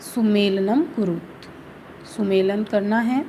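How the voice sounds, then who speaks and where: A woman teacher explaining a school lesson slowly and carefully, reading each line first and then explaining it. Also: medium pitch, steady tone, warm tone, a little hiss or hum, rough recording. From India. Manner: slow, careful explanation, reads Sanskrit then explains in Hindi.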